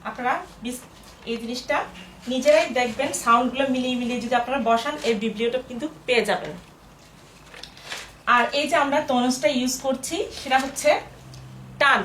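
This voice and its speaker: A woman teaching a language lesson at a board, spelling words out slowly syllable by syllable. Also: high-pitched, a bit bright, a little hiss or hum. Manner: slow, syllable-by-syllable explaining. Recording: echoey room, voice from a distance.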